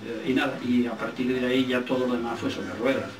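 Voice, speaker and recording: An older man with an accent from Spain, a film director telling casual anecdotes in an interview, halting as he searches for words. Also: mid-range voice, flat delivery. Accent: Spanish, from Spain. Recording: roomy, distant microphone, faint music.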